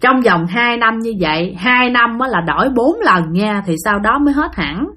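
A woman with a Southern Vietnamese accent tells a ghost story in a loose, chatty way. She keeps turning to her listeners directly, and her voice sits a little high. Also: animated, normal speed, sharp tone. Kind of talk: spoken ghost-story narration.

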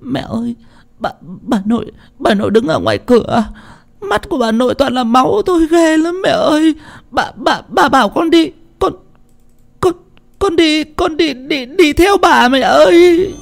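A man's voice: sing-song, takes it slowly, darkish tone, exaggerated voice. A man voicing a frightened village woman and her crying daughter, stammering in panic. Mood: terrified sobbing. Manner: panicked, stammering, high and shrill.

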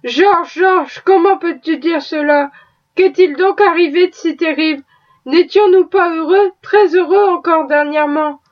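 A loving, anxious young wife speaks tenderly and pleads, read in a woman's own voice. Her voice sits high, and the recording sounds dull and lo-fi. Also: measured pace. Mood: pleading.

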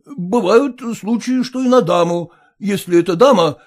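A man voicing a proud, fussy male yard dog in an audiobook, with a husky voice and a stern, indignant, deliberate manner. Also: high voice. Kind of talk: audiobook reading.

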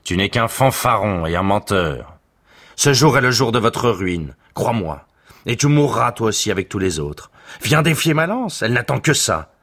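Man voicing a proud hero, husky and taunting. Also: very deep voice, slow, hardly any pauses, sharp tone, full character voice. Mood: defiant. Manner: taunting, defiant. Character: proud, scornful male Trojan hero.

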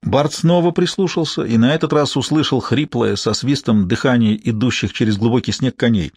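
Male audiobook narrator, measured delivery, middle pitch, dry booth sound. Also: a little mellow, husky, no echo. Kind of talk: scripted narration.

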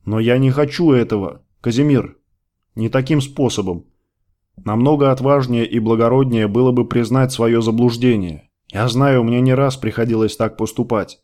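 A man reading the lines of a worried, loving woman who gently pleads with her lover in an audiobook. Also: mid-range voice, moderate pace, lightly acted. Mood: pleading.

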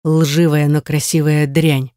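A woman's voice: low-pitched, level tone, slow, warm tone, dry recording, studio quality. A woman voicing a cold, contemptuous rich husband in an audiobook, speaking in curt, scornful lines.

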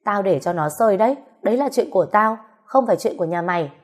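A woman voicing a hot-tempered young woman who shouts angry insults at a jealous suitor. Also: medium pitch, lively intonation, quick pace, close to an everyday voice. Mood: furious.

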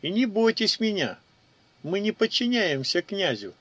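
Audiobook casting: a man doing a smooth, flattering warrior, raised a little in pitch. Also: unhurried, dry recording, full character voice. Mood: ingratiating. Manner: sweet-talking, ingratiating. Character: smooth-talking lustful male warrior, coaxing.

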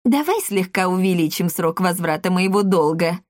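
A woman's voice: fairly low pitch, expressive, normal speed, no echo, studio quality, close to an everyday voice. Lady voicing a grumpy sleepy shopkeeper guy, mutters, storybook. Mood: grumbling. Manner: grumbling, indignant. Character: indignant sleepy merchant, man.

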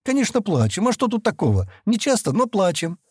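A man's voice: high-pitched, wildly swooping pitch, brisk, breathy edge, no room sound, studio quality, pitched above the performer's own voice, exaggerated voice. A man reading an audiobook, voicing a naive young alien woman who complains in a raised, plaintive voice.

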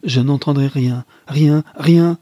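A man's voice: mid-range voice, normal speed, darkish tone, husky, no echo, close to an everyday voice. A man reading a novel aloud, voicing a distraught young husband who pleads and then cries out in anguish. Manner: pleading, rising to anguished outcries. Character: Adolphe, anguished young husband, easily wounded.

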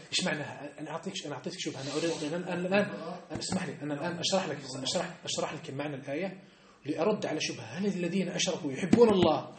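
A man teaching a religious text class, explaining verses and often asking his students whether they have understood. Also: high voice. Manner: lively, quizzes students often. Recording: echoey classroom.

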